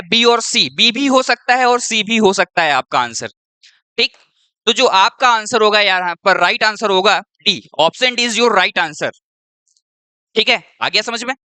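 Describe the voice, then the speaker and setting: A man's voice: high-pitched, pushed and bright, smooth, no room sound. A male teacher talking through an exam-prep lesson step by step. He keeps checking in with the students as he goes. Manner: checks in with students often and keeps saying "your".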